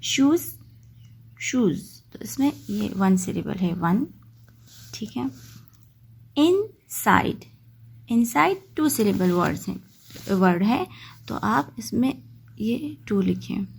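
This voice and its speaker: A woman teaching a textbook lesson, reading English lines slowly and then explaining them patiently. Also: medium pitch, lively intonation, vocal fry, a little mellow, a little hiss or hum. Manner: patient, checks in with "okay" often.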